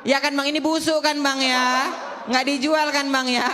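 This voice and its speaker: A man putting on the voice of a stern mother scolding her young son, in a shrill, threatening voice. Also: very animated, slow, a crowd in the background, heavily acted. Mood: shrill pleading. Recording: echoey hall.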